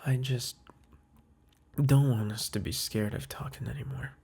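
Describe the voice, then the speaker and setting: Speaking as a boyfriend in an intimate roleplay audio, a man offers the listener a soft, hesitant apology, whispered close to the mic with sighs and restarts. His voice is husky, breathy and mid-range, steady in tone and a little slow. The feel is ASMR-like and tender.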